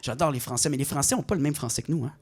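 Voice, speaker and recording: A middle-aged man from Quebec with a Québécois accent, performing a stand-up comedy routine with mock outrage and high-pitched punchlines. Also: very fast, a little mellow, husky. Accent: Québécois French. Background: audience laughter.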